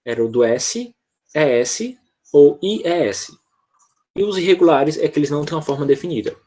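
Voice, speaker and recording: A man's voice: fairly high pitch, lively intonation, normal speed, mellow. A Brazilian man teaching an online English class, explaining patiently and often checking in with the students.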